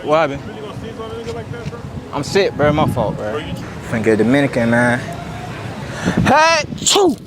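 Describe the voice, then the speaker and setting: A man's voice: mid-range voice, normal speed, long pauses. A young man hosting a street prank video, talking in slang and pleading that he's sick. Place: outdoors on a city street. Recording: loud street noise on outdoor camera mic.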